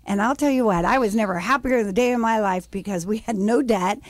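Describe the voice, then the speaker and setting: Animated middle-aged woman telling her story. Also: fast. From United States. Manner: animated storyteller, acts out quotes with raised pitch. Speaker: guest, business founder. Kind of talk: casual interview storytelling.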